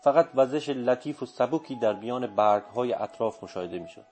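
A man reading a first-person story aloud in a steady, measured narration. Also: medium pitch, husky. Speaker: audiobook narrator. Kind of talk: scripted literary narration. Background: faint music.

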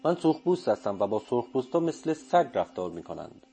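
A calm, blunt old sorcerer, voiced by a male reader in an audiobook. His words come slow and deliberate, with a mellow, warm tone. He sounds steady and unhurried even when cutting. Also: medium pitch, gravelly, faint music behind.

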